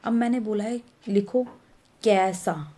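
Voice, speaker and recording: A woman's voice: mid-range voice, takes it slowly, warm tone. A woman teacher patiently explaining letters to young pupils, repeating herself and correcting small slips. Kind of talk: Hindi grammar lesson for young pupils.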